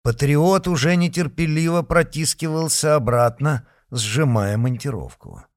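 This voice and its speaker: A man's voice: on the high side, lively intonation, measured pace, dry recording, studio quality. A man narrating an audiobook expressively, voicing each character.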